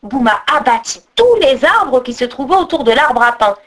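A woman reading a folk tale aloud as storyteller, expressive, with sung-out sound effects. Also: high-pitched, normal speed. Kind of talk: storybook narration.

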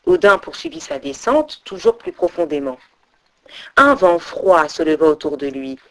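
A woman storyteller narrating a myth in an expressive, dramatic reading. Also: on the low side, normal speed, vocal fry.

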